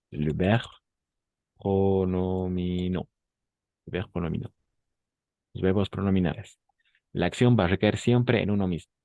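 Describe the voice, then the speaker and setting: A man's voice: lowish voice, vocal fry, mellow, no room sound. A male French teacher giving a bilingual lesson, patiently repeating each phrase and often checking that the class understands.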